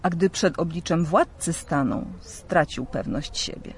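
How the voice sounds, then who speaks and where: A man narrates a legend with a lively, expressive storybook delivery. His voice sits a little high for a man, and a faint hiss runs under the recording. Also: unhurried, vocal fry. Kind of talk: storybook reading.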